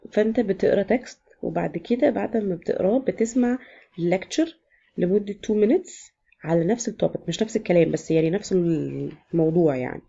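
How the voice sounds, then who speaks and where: Gravelly Egyptian woman explaining casually. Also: on the low side, mellow, dull audio. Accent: Egyptian Arabic. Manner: chatty, code-switches into English. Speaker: exam prep teacher. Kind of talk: casual explanatory vlog lesson.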